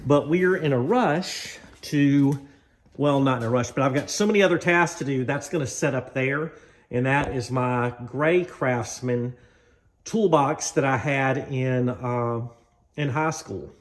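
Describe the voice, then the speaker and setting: An American man hosts a vlog from his home garage workshop, rambling casually and informally in a folksy way while thinking aloud. His voice is medium-pitched and a little slow.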